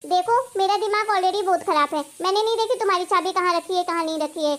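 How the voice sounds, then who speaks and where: Cartoon young wife, defiant, quick comebacks, very high-pitched voice, played by a woman. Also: fairly bright tone. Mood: irritated. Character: young wife, sharp-tongued daughter-in-law. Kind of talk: cartoon voice acting.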